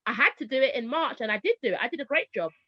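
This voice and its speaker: A woman's voice: sits high, rapid-fire, dry recording. A woman in her thirties from Barbados, a former teacher telling stories in a casual interview and acting out the voices she quotes. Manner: animated storyteller, acts out quoted voices. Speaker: guest, former teacher now homeschooling parent. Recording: dull lo-fi sound, dry.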